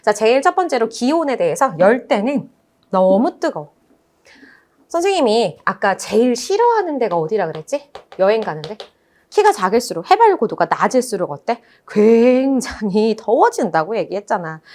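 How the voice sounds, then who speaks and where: A woman teaches her class in an animated lecture style. Her voice sits high and jumps all over the place as she tells stories and puts on playful voices to make the points stick. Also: moderate pace. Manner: lively storytelling, acts out playful voices.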